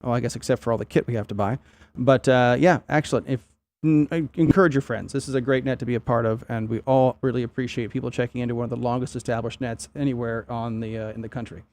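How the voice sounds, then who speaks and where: A man's voice: medium pitch, fairly even intonation, quick pace, darkish tone. A man casually running an amateur radio net, taking check-ins with phonetic call signs.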